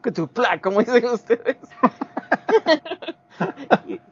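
A man's voice: extremely high pitch, very animated, drawn-out words. A man in his forties from Guatemala with a Guatemalan accent, telling personal stories in a casual, rambling way, full of restarts and acted-out quotes. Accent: Guatemalan Spanish. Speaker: guest. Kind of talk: casual storytelling. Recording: dull lo-fi recording.

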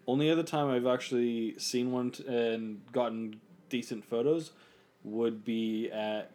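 A man's voice: medium pitch, fairly even intonation, unhurried, darkish tone. A man chatting casually on a podcast, rambling and restarting his sentences. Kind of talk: casual chat.

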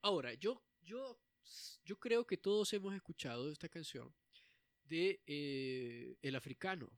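A young man co-hosting a casual chat, animated and quick to laugh, often acting out the lines he talks about. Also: a little high, no echo, clean studio sound. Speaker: podcast co-host.

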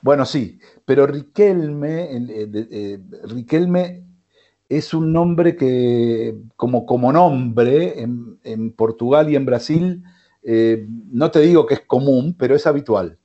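A man's voice: medium pitch, slow, lo-fi sound. A man with an Argentine accent hosting a sports radio show, rambling with many fillers and restarts. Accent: Argentine Spanish. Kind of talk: casual sports radio talk. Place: radio studio.

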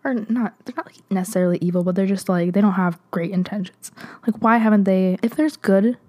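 A woman's voice: medium pitch, fairly quick, a little mellow. A young woman hosting a solo podcast, chatting casually with lots of "like" and giggles, her voice slightly nasal. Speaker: podcast host.

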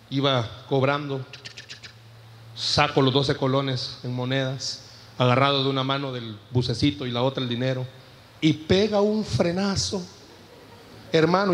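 A man's voice: medium pitch, steady tone, moderate pace, big-room sound. A man with a Salvadoran accent preaching a sermon in church, telling stories with humor and asking the congregation rhetorical questions. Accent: Salvadoran Spanish. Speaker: pastor.

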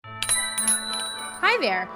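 A woman playing an upbeat store clerk giving a sales pitch in a comedy sketch. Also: very slow, over loud music. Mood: chirpy. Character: chirpy woman store clerk selling candles.

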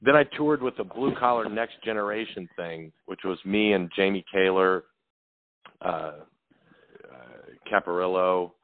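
A man's voice: low-pitched, unhurried, no room sound. A man, a comedian guest, chatting casually about touring and telling loose stories. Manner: laid-back, says dude and like a lot. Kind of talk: casual storytelling chat. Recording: tinny phone-line sound, dry.

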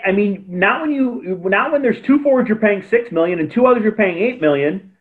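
A man's voice: sits high, expressive, a little fast. A man co-hosting a sports podcast in casual chat, dropping dry, wry asides. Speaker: podcast co-host. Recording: tinny phone-like line.

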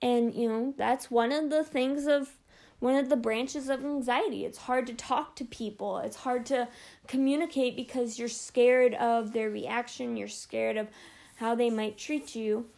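A woman's voice: on the high side, steady tone, a little slow, vocal fry, a little mellow. A young adult woman hosting a podcast alone, talking casually and openly with many fillers like "you know" and "like.". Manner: open and personal. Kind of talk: casual solo talk.

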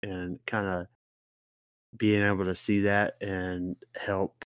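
A young man co-hosting a casual podcast, speaking in a relaxed, reflective way as he searches for words. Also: low voice, slow, clear, resonant tone, no echo, studio quality. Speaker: podcast co-host. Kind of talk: casual chat.

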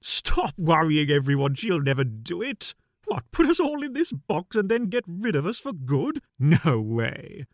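A man's voice: on the high side, huge pitch swings, a little slow, no room sound, clean studio sound, heavily acted. A man playing a breezy, overconfident friend who dismisses everyone's worries.

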